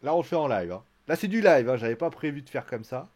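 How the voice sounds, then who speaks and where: A man's voice: mid-range voice, sing-song, fast, darkish tone. A man giving a casual live-stream recap of a wrestling show, chatty and joking, with theatrical asides to his viewers.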